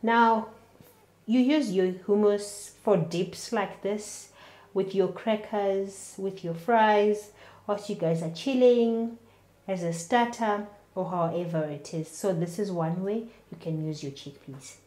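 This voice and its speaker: Woman, 30s, cooking host; slow, steady instructional delivery, roomy kitchen sound. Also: medium pitch. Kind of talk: cooking demonstration to camera. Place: home kitchen, indoors.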